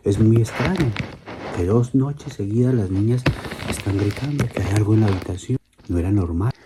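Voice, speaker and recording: A man voicing a calm father reassuring his daughters in a bedtime story, speaking softly. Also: on the low side, normal speed, background noise, close to an everyday voice. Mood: gentle reassuring. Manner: soft, gentle, often near whisper.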